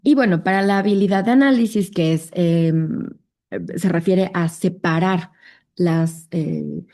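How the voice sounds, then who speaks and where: A woman lecturing at a conference, her voice low-set and mellow. She speaks Spanish with a Mexican accent and explains step by step, leaning on fillers and tag questions. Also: unhurried. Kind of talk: conference talk.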